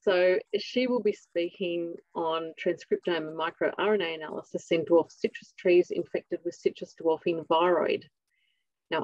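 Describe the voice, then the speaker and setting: Australian woman, conference chair, lower voice, muffled dry video-call audio. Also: darkish tone, dry recording. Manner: friendly, informal, with fillers. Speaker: session chair. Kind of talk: online conference introduction.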